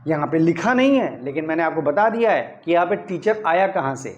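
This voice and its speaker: A man with a high voice teaches English grammar in Hindi. He walks through each sentence step by step and keeps asking whether it is clear. The recording sounds dull and lo-fi. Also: lively intonation, fairly quick. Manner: explains step by step, often checking "clear?". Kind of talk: Hindi-language grammar lesson.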